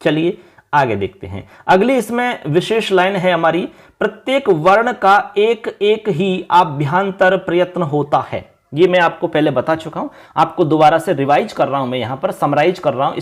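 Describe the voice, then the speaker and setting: Man from India, high voice, online grammar lesson, patient, repeats points, checks understanding. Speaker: Sanskrit grammar teacher.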